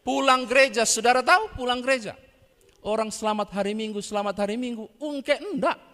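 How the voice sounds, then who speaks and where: A pastor from Indonesia preaching a sermon with lively, humorous storytelling in a church. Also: male voice, very high-pitched, brisk. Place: church sanctuary. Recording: echoey church hall.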